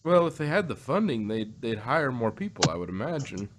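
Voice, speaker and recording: Brisk and sing-song, his mid-range voice carries a casual discussion on a review podcast about audio dramas, where he co-hosts. He rambles, repeats his phrases, and the audio has noticeable background noise.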